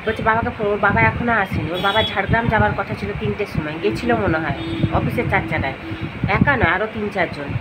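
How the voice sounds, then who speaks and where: Hoarse woman walking outdoors. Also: mid-range voice, quick pace. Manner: chatty, talks straight to viewers. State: hoarse, unwell. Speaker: vlogger. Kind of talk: casual daily vlog chat. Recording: loud street and traffic noise.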